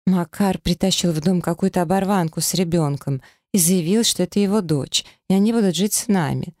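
A reader voicing a spoiled, panicky young trophy wife who squeals and whines, in an audiobook. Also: female voice, lowish voice, brisk, a little mellow, dry recording, studio quality, pitched above the performer's own voice, close to an everyday voice. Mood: whiny. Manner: squealing, whiny. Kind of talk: audiobook character voice.

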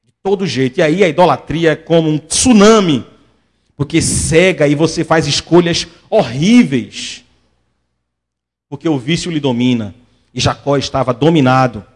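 High-voiced pastor preaching animatedly. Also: male voice, breathy edge. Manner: animated storytelling, acts out quoted voices. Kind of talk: sermon.

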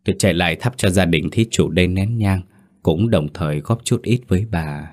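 A man voicing a gentle old village monk past eighty, speaking in a calm, measured way. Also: deep voice.

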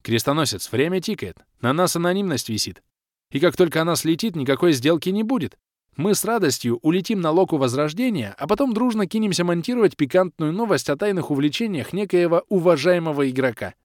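A brash young rogue from a fantasy storybook, haggling with mocking, pushy confidence, as a male narrator plays him. His delivery leaps up and down with lively emphasis, and it is recorded close and dry. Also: on the high side, brisk, no echo, pitched above the performer's own voice, natural voice.

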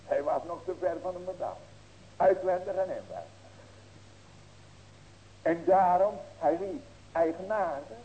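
A man's voice: sits high, expressive, unhurried, pauses often, lo-fi sound, a little hiss or hum. A man in his sixties preaching as a pastor, earnest and folksy, with rhetorical questions and emphatic ringing cries. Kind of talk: sermon.

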